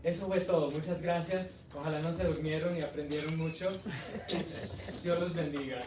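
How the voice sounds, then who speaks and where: A high-voiced man preaches an animated testimony, telling his story with laughs and asides. He is heard from a distance in an echoey hall, with faint background noise. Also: moderate pace. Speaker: evangelist preacher. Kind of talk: testimony sermon. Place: church hall.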